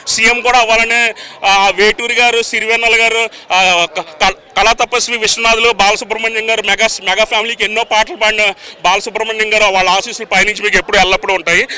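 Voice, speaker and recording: Bright, reverent man praising at length. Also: high voice, low-quality recording. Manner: flowery, reverent, lists names with honorifics. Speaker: fan giving a public review. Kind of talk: impassioned speech-like review.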